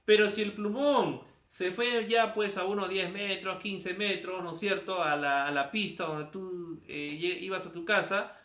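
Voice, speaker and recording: Quizzing his class with rhetorical questions that he answers himself, a male teacher gives a grammar lesson in a classroom. He speaks high-pitched at a measured pace with a fairly bright tone. The recording is distant and echoey.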